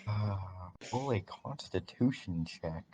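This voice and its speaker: A man narrating as game master of a tabletop game, laid-back and halting, often restarting his sentences. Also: lowish voice, lively intonation, a little mellow, faint music behind. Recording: dull lo-fi mic with faint hiss.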